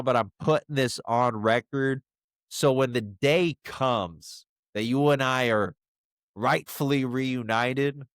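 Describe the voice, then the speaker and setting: A father speaks straight to his young son in a personal video message, choked up and halting, leaning on fillers as he searches for words. His delivery is very slow and unhurried, and the sound is dry and close with no room around it. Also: mid-range voice, no room sound. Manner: halting and emotional, many fillers.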